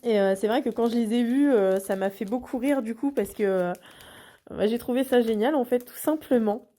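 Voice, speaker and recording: A woman's voice: on the high side, normal speed, mellow. A woman hosting a craft channel, chatting casually through an unboxing with lots of hesitations and restarts.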